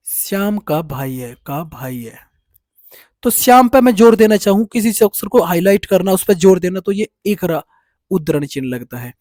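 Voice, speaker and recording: A man's voice: darkish tone, no echo, studio quality. A man teaching an exam-prep lesson. He repeats key terms and keeps checking that his students have understood. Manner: rises on questions, drops low on answers. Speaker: Hindi teacher.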